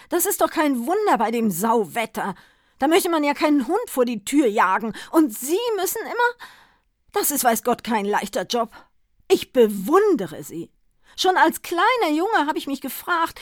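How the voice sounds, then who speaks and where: A woman's voice: sits high, very animated, unhurried, dry recording, studio quality, voice pushed up. Woman voicing a flustered, gushing shopkeeper. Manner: gushing, stammering. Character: flustered, effusive male shopkeeper.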